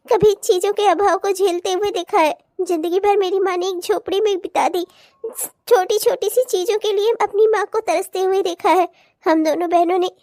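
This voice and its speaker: A woman's voice: very high-pitched, darkish tone, no echo, studio quality. A woman voicing a troubled young bride in a cartoon, speaking with anguish. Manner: emotional, anguished. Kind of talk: cartoon voice acting.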